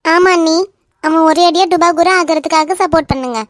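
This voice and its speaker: A woman voicing a young female cousin in an animated romance, teasing and mock-threatening in a Kanyakumari Tamil accent. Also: extremely high pitch, brisk, heavy background noise. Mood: teasing banter.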